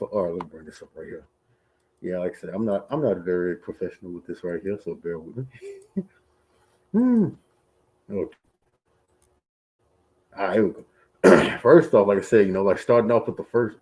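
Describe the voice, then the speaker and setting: Poor audio carries a man's low, dark-toned voice as he streams an informal movie review from behind a muffling face mask. He rambles, padding his talk with frequent fillers like "you know" and "right here."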